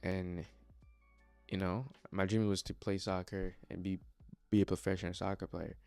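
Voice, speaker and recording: His voice is low, level, and creaky, a little mellow and smooth, at a moderate pace over soft background music. He's a young vlogger from the Democratic Republic of the Congo whose first language isn't English. In this motivational personal vlog he sounds earnest and hesitant, with lots of fillers and restarts.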